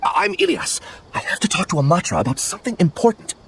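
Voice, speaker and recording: An actor playing a distressed, urgent male scholar on the run in a video game, halting and pleading. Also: high-pitched, huge pitch swings, fairly bright tone, slight background noise, heavily acted. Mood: weak, insistent.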